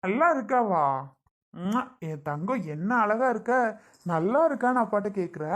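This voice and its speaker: A woman's voice: mid-range voice, expressive, normal speed, voice pushed down, natural voice. A woman playing an affectionate middle-aged father who fusses over his daughter in a family skit. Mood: doting. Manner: tender, coddling, repeats reminders.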